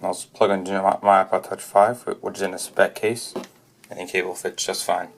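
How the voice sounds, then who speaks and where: Low-voiced man reviewing gadgets, halting. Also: flat delivery, gravelly, a little hiss or hum. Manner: halting, frequent restarts and self-corrections. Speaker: product reviewer. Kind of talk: unscripted product review voice-over.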